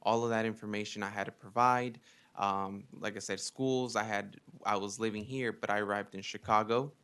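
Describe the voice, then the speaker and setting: Young man, from Mexico, committee testimony, earnest, low even voice. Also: normal speed, clean tone. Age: 20s. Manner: earnest, frequent ums, reading prepared remarks. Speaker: witness testifying.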